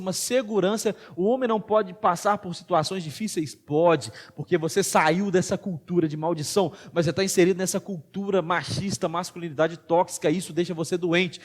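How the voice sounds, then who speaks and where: A Brazilian pastor preaching in church with a high-pitched voice. He speaks with a Brazilian Portuguese accent and drives his points home with emphasis, dropping low and quiet, then rising loud again. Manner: emphatic preaching, swings between hushed and loud. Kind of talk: sermon.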